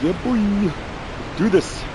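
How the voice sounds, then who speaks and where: A man's voice: sits high, slow pace, background noise. A man doing casual gameplay commentary as an exasperated, swearing gamer who bursts out in frustration. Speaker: gaming video host.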